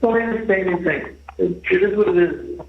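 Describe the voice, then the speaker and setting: A man speaking over a jail phone call, halting and repeating his words. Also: high-pitched. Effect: jail phone call line. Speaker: inmate caller. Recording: muffled echoey phone call with noise.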